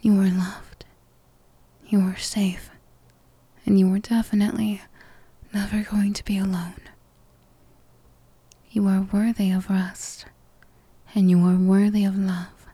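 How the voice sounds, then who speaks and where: In this slow, calming ASMR comfort roleplay, the performer whispers close to the mic. She has a breathy, mellow, mid-range voice that stays flat and steady. There's no room sound at all; the audio is completely dry.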